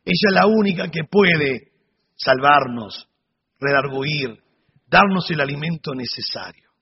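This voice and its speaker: A man teaching a Sunday school sermon, animated storytelling with humorous asides. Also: a little high, unhurried. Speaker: Bible teacher. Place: church hall. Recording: dull recording in a reverberant hall.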